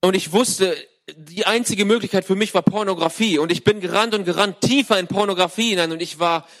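A man interpreting a sermon live into German, speaking quickly with frequent restarts and corrections. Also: sits high, fairly bright tone.

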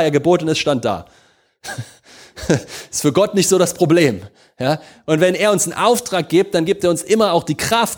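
A man with a somewhat raised voice preaches a sermon. He swings from slow, loud proclamations to hushed, near-whispered prayers. He keeps turning to his listeners with quick questions. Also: fairly high pitch. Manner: addresses congregation with repeated questions.

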